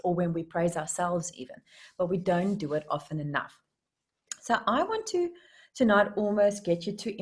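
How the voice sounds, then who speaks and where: A woman with a South African accent teaching a hypnotherapy webinar, animated and acting out little voices to make her points. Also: fairly low pitch.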